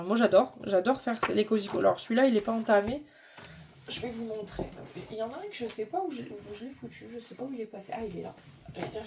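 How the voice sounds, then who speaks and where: Mellow-voiced woman chatting casually, slightly high pitch. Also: slight background noise. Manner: informal, rambling, thinking aloud. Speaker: vlogger. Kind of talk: casual hobby vlog chat.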